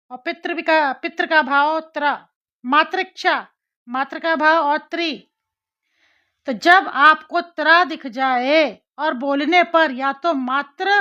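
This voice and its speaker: A high, bright female voice teaching a grammar lesson at an unhurried pace. She explains step by step, sounds out syllables again and again and asks rhetorical questions. The audio is slightly dull and lo-fi.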